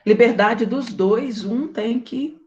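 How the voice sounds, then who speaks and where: A woman with a Brazilian Portuguese accent speaks casually to her audience, her voice sitting a little on the high side. She tells stories in an animated way and slips into acted dialogue. It is a relaxed, chatty host's delivery. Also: slow, highs cut off. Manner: animated storytelling, acting out quoted dialogue; married woman recounting daily life. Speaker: host.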